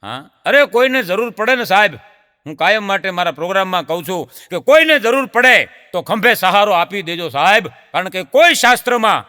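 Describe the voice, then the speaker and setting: Bright-voiced Gujarati man telling folk jokes. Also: high-pitched, brisk, clean tone, long reverb tail. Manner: lively folk storyteller, addresses audience as sir. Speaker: comedian. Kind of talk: stand-up folk comedy storytelling.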